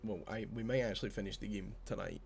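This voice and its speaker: Talking fast in a fairly low, creaky voice with fairly even intonation, a Scottish gamer riffs with his audience while he plays, swearing without restraint. Soft music plays in the background.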